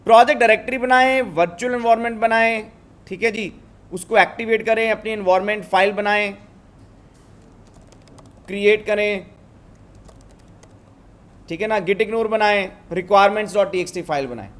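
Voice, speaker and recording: A programming instructor with an Indian accent and a high, slightly bright voice teaches coding step by step at a moderate pace, pausing often. He switches between Hindi and English and frequently checks understanding with tag questions.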